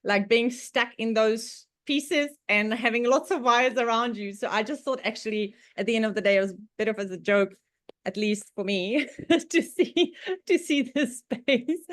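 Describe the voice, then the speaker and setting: Presenting as a guest to an online club on a video call, a woman from the Czech Republic speaks with a Czech accent, laughing often and using lots of fillers. Her voice is a little high, at a moderate pace, with no echo.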